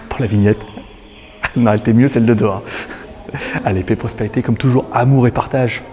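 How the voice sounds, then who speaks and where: A man's voice: medium pitch, fairly even intonation, fairly quick, darkish tone. A man casually vlogging his way through an exhibition, chatty and loose, with frequent laughs and fillers. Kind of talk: casual vlog commentary. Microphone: handheld camera on a stabilizer.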